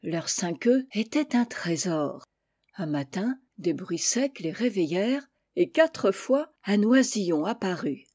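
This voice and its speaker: A woman reading a children's story aloud with gentle, measured narration. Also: mid-range voice, expressive, slightly rough.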